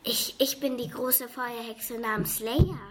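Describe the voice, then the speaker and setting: A woman voicing a grumpy female fire witch with a rough, snappish voice in a read-aloud story. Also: fairly high pitch, steady tone, unhurried, crowd noise, natural voice. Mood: gruff. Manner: snappish, rude.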